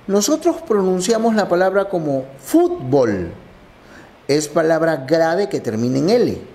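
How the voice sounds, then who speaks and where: A male teacher reviewing exam questions and working through each answer step by step. His voice sits a little high and moves up and down in a very lively way. He explains in the patient, methodical manner of a classroom review. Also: a little slow. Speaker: language teacher.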